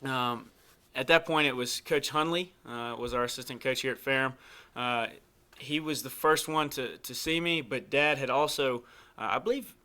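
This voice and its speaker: A young man hosting a casual interview, easygoing and halting, with frequent fillers and restarts. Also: medium pitch, bright, forceful tone, smooth. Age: young adult. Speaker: host.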